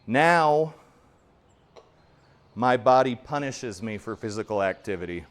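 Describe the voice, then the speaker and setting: Smooth-voiced man in his forties, rambling. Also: mid-range voice, animated, measured pace. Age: 40s. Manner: rambling, self-deprecating, chatty. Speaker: golf simulator vlogger. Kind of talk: casual play-along commentary. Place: home golf simulator enclosure.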